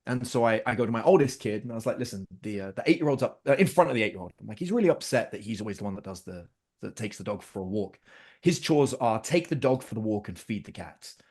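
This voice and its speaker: A middle-aged man, a guest on a podcast, speaks in a lowish, slightly mellow voice with a breathy edge, talking fast and animatedly. He's sharing family stories in casual conversation, acting out both his own lines and his kids'.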